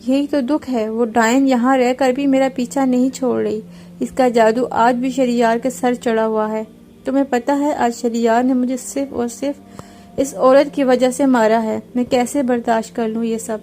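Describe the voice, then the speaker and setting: A woman's voice: fairly high pitch, steady tone, warm tone, lightly acted. A woman voicing a jealous, defiant young woman who bursts out indignantly in a storybook reading. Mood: bitter. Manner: indignant, pleading outbursts.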